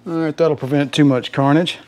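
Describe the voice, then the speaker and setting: This middle-aged garage-channel host has a Southern US drawl and a voice on the high side, steady yet darkish in tone, moving fairly quickly. He chats loosely to viewers as folks, giving how-to narration while under a car at home.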